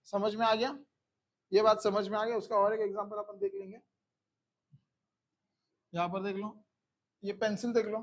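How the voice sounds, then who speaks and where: A man teaching a physics class who keeps repeating questions to his students and coaxing them along. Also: sits high.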